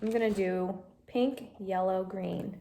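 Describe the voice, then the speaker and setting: A woman's voice: medium pitch, fairly even intonation, takes it slowly, gravelly, background noise. A woman teaching a home craft tutorial on a phone camera, explaining each step patiently and coaching a child beside her. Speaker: craft instructor.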